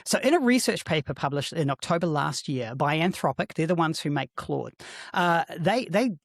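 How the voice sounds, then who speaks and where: A man's voice: fairly high pitch, lively intonation, moderate pace, gravelly, dry recording, studio quality. A man co-hosting a podcast, chatting casually, laughing often and restarting words as he explains. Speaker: podcast co-host.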